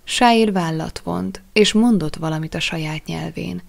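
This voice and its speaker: Low gravelly woman reading an audiobook. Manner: measured, expressive storytelling. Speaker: audiobook reader. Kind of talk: audiobook narration.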